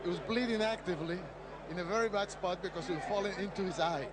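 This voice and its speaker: High-voiced man, ringside physician. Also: fast talker. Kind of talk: explanatory interview answers. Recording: arena crowd and background noise.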